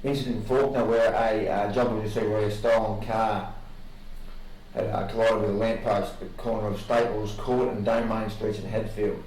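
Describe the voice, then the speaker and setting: An Australian man questioning someone as a police interviewer, formal in content but halting and informal in delivery. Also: fairly low pitch, level tone, a little mellow. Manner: halting, informal, loses his place. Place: indoor interview room. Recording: echoey, distant mic, faint noise.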